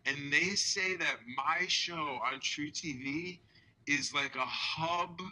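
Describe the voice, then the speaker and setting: A man joking as a talk show guest, delivering mock-earnest accusations in a deadpan way. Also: on the high side, very slow, rough recording. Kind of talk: comedic talk show banter.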